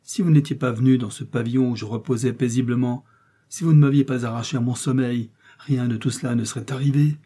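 A man's voice: medium pitch, steady tone, quick pace, warm tone, husky, close to an everyday voice. A man voicing a guilt-ridden man who pleads for rescue in anguish, in an audiobook reading. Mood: pleading.

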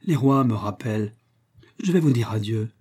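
A man's voice: medium pitch, animated, normal speed, darkish tone, breathy edge. A man voicing a grieving, grateful male shark-man sea creature in a storybook reading, with earnest, dignified speech.

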